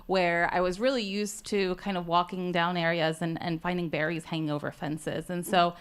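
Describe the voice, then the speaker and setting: A woman's voice: lowish voice, little pitch movement, moderate pace, clear, resonant tone. Earnest woman from Poland telling a story. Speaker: audience member. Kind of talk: anecdote told at a conference. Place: conference hall.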